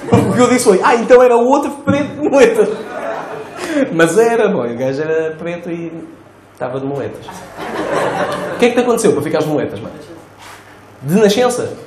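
A male stand-up comedian with a European Portuguese accent, doing crude, animated crowd work on stage. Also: fairly high pitch, fairly quick, long pauses, background noise. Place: comedy stage before a live audience. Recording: roomy live venue with laughing crowd.

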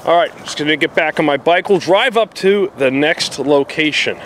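Here the man sounds a little high and fairly bright, speaking at normal speed with a faint hiss or hum behind him. He's an outdoor explorer vlogger from New Jersey, casually telling his handheld camera what he comes across in the woods, filler words and all.

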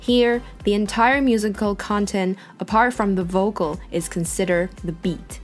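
A woman with a Taiwanese Mandarin accent explaining music vocabulary in a patient lesson, repeating English terms slowly. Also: mid-range voice, steady tone.

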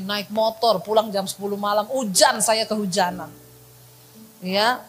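A middle-aged woman pastor delivers a sermon in a high voice. She tells her stories in an animated, chatty way and plays out the dialogue herself. Soft music sits faintly behind her. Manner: animated, chatty storyteller who acts out dialogue. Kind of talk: sermon with storytelling.

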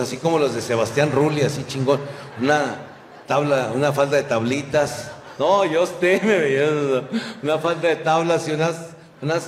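A man with a Mexican accent doing a stand-up comedy routine, telling a crude, animated story full of slang and swearing. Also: medium pitch, slight background noise. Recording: echoey hall with live ambience.

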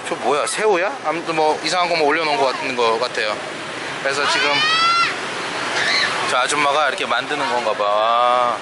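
Over loud traffic and street noise, a man chats casually about dishes and their prices while filming a food vlog at street restaurants. He's a travel vlogger with a mid-range voice and a moderate pace.

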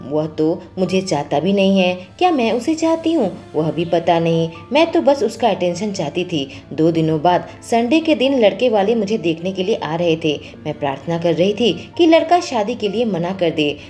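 A woman reading a first-person story aloud as the channel's storyteller, with expressive delivery. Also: moderate pace, few pauses, faint music behind. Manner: expressive, voices quoted lines with lifted pitch.

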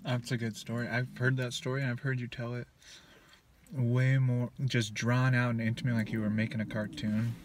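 A man co-host in casual chat, joking and teasing in a deadpan way. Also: mid-range voice, normal speed.

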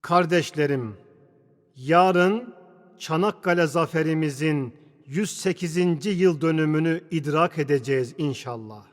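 Speaking in a slightly high voice, a man preaches a formal Friday sermon very slowly, declaiming with measured, deliberate pauses between phrases. The solemn oratory is bathed in the long echo of a vast, cathedral-like hall.

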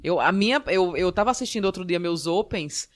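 A woman from Northeast Brazil speaks with her Northeastern accent. She chats casually as a podcast guest, telling comic stories in an animated way and acting out the voices of the people in them. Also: on the low side, brisk. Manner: lively, animated storytelling with acted quotes. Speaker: stand-up comedian guest.

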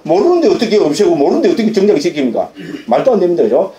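Very fast and very animated, a Korean Buddhist monk with a high-sitting, mellow voice delivers a dharma lecture. He frequently questions himself, supplies the answers, and tacks on short tag questions to confirm agreement. This was recorded with roomy acoustics in the lecture hall of a Buddhist center.

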